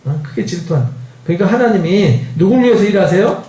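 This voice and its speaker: Male pastor teaching the bible, high lively voice that swings all over, echoey church hall, mic kinda far off. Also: fast talker, slight background noise. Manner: animated, acts out dialogue with laughs and rhetorical questions.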